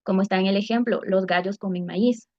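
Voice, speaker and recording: A woman's voice: mid-range voice, fairly even intonation, brisk, no room sound. Woman presenting, dull lo-fi sound. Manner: explanatory, reading structured points. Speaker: student presenter. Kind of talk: class presentation.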